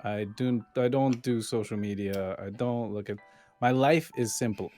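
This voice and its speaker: A man's voice: medium pitch, normal speed, mellow, faint music behind. A man hosting a casual podcast over an online call, talking in an easygoing way and laughing often. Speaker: podcast host. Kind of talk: casual chat.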